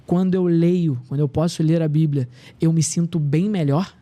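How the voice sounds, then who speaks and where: Thirties male guest, earnest and reflective, warm dark voice, a bit high-pitched. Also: steady tone, normal speed. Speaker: podcast guest. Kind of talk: casual podcast conversation.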